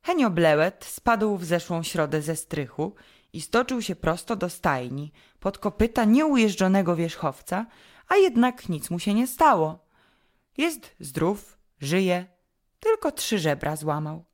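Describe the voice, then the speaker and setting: A woman voicing an earnest, tearful eight-year-old boy in a storybook reading, lifting into a higher childish tone. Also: sing-song, a little slow, a little mellow.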